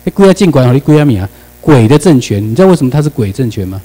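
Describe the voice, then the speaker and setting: A man's voice: mid-range voice, sing-song, racing, mellow, low-quality recording. A man lecturing a class in Taiwanese-accented Mandarin, firing rhetorical questions at the room and slipping English words into his speech.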